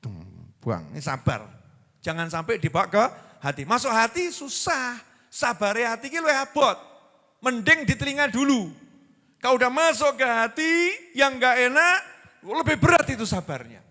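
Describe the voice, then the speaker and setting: A man with a Javanese accent preaching a lively sermon to a gathering, joking and putting questions to the audience. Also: very high voice, moderate pace. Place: large religious gathering hall. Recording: long reverb of a large hall.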